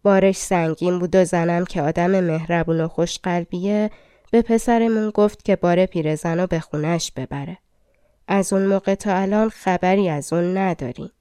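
A woman narrating a fairy tale audiobook in a colloquial, measured storytelling manner. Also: on the low side, warm tone, smooth, no room sound, studio quality.

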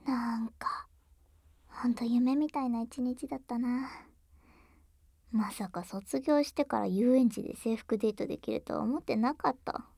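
A young woman playing an affectionate, excitable girlfriend on a sleepover, in intimate pillow talk that often slips into breathy whispers. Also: fairly high pitch, moderate pace, dry recording, clean studio sound. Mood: dreamy. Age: young adult. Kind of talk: intimate pillow-talk role-play to the listener. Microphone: close, dry microphone.

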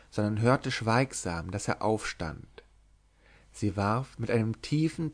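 Man, audiobook narrator, classic novel, even, measured, middle pitch. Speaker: audiobook reader. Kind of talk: reading a literary novel aloud.

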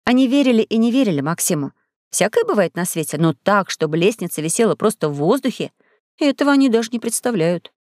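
A woman narrating a children's audiobook in a clear, even reading voice into a studio microphone. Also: medium pitch, fast, dry recording. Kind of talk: scripted storybook narration.

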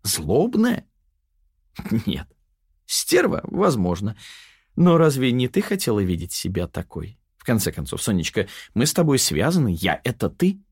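A man's voice: lowish voice, wildly swooping pitch, normal speed, a little mellow, husky, no echo, clean studio sound, full character voice. A man voicing a cocky, scheming young woman who taunts her timid other self. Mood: mocking.

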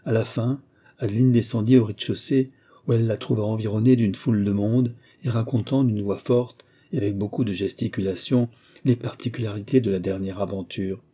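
A man narrating a classic novel as an audiobook, in a measured, even reading. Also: fairly low pitch, slightly rough.

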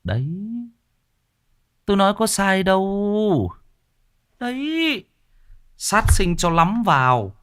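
A man voicing a smug village onlooker who scolds in a high, told-you-so tone. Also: big pitch swings, slow, pauses often, a bit bright, clean tone, full character voice. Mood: smug scolding.

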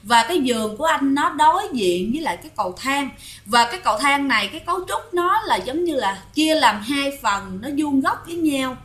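A woman's voice: high voice, lively intonation, a little fast, a bit bright. A woman telling ghost stories in a chatty way, often speaking straight to her listeners. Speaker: ghost story narrator. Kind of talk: casual storytelling to listeners.

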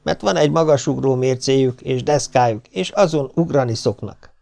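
A man's voice: medium pitch, creaky, mellow, lightly acted. A man voicing an odd, boastful little schoolboy who talks in an eager, confiding way.

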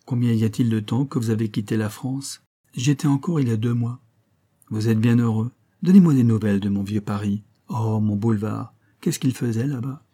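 A man's voice: medium pitch, moderate pace, dark tone, natural voice. A man doing a pompous fake countess, wistful. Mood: affected. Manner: theatrical, wistful sighs, mock-aristocratic. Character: affected middle-aged woman posing as Parisian countess.

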